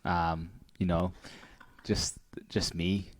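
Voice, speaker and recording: A man's voice: deep voice, flat delivery, drawn-out words, no room sound. A man speaking casually as a panellist in a livestream discussion. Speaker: youth arts panellist.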